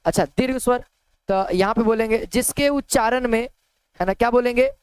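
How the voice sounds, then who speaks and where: Male teacher, resonant and dry, dictates notes slowly, repeats phrases as he writes, checks in with tag questions. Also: extremely high pitch, clean tone, dry recording, rough recording. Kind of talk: online grammar lesson, dictating notes.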